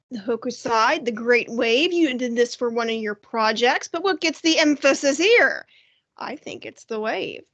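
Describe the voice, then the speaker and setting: Upbeat woman art teacher, high bright voice, asks students questions, online class. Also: dull audio. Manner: upbeat, talks directly to young students with questions. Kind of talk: recorded online art lesson. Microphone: computer mic, screen-shared lesson.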